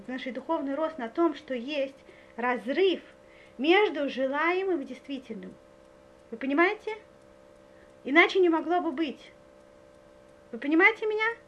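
A woman's voice: high voice, muffled recording. A woman giving a spiritual lecture full of stories. She speaks earnestly, often checks whether her listeners follow, and hesitates with many filler sounds. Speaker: religious lecturer.

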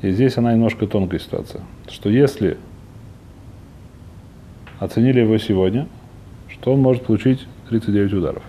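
A man with a lowish, dark voice teaches an informal religious text lesson, speaking a bit fast but with long pauses. He frequently searches for words and rephrases as he explains and translates, and says he's not fully fluent in Russian. Some faint background noise comes through.

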